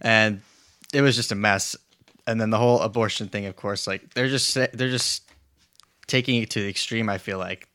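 Low-voiced laid-back man chatting. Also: steady tone, normal speed, bright, forceful tone, smooth, dry recording. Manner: laid-back, laughs often, trails off mid-thought. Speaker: podcast co-host. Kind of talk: casual chat.

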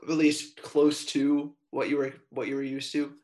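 A man's voice: a little high, little pitch movement, measured pace, darkish tone. A man with an American accent asking questions as the host of a casual interview podcast. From San Francisco, United States.

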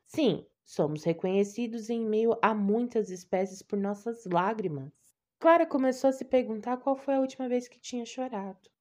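A young woman reading a short story aloud in a slow, dramatic way, sometimes dropping to a soft whisper. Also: on the high side.

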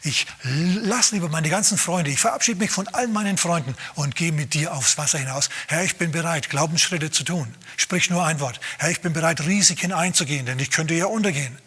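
An eager, fervent disciple pleading to be called out, as a preacher acts him. The voice is bright and slightly husky, insistent and earnest, line after line of urgent requests. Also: male voice, on the high side, a little fast, hardly any pauses, in a large hall.

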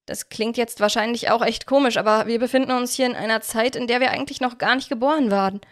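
A young girl, anxious and wary of strangers, as a woman reading a storybook puts her on. She speaks a little higher and more urgently than the narrator, though the voice stays close to the reader's own. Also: steady tone, fast talker, a bit bright, lightly acted.

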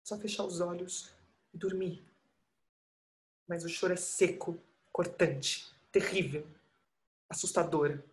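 A woman performing a monologue as an exhausted new mother, speaking in weary, halting, intimate phrases. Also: lowish voice, fairly even intonation. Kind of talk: theatrical monologue.

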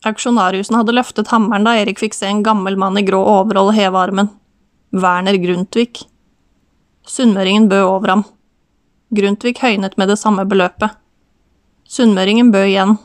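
A woman narrating an audiobook in steady, even storytelling. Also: mid-range voice, no echo. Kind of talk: scripted narration.

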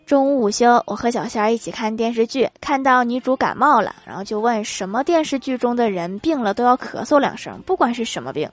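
A woman's voice: fairly high pitch, animated, fairly quick, few pauses. A woman hosting a comedy segment, reading funny everyday anecdotes and laughing at her own punchlines. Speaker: host.

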